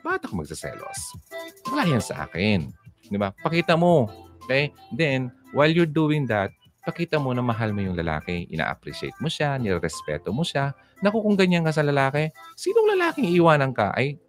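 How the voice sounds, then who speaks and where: A man with a low voice talks casually to women about relationships, mixing English phrases into his talk. His pitch leaps up and down as he makes a point, and he keeps checking in with "okay?". Faint music plays underneath. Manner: mixes English into Tagalog, keeps asking "okay?"; lively, jumping pitch for emphasis. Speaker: relationship advice vlogger.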